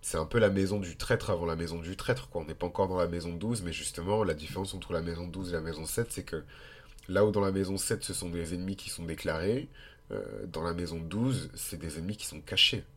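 A man's voice: low-pitched, fairly quick, slightly rough. A Frenchman with a French accent and a nasal, congested voice from a blocked nose, talking casually and hesitantly as he explains things as a podcast host. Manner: informal, hesitant, thinking aloud. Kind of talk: casual explanatory monologue with digressions.

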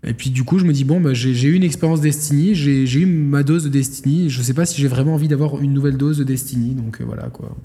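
Male gaming-podcast co-host, rambling, filler-heavy, dark tone, hall reverb. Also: medium pitch, fast talker, hardly any pauses. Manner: rambling, many fillers and restarts. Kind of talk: casual gaming podcast chat.

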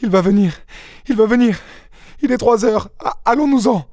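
A terrified young noblewoman pleads and sobs in a high, strained voice, put on by a male reader. The lines come frantic and breathless. The recording is close and dry, with no room sound. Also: sing-song, slow, darkish tone, no room sound, exaggerated voice. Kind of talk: audiobook character reading.

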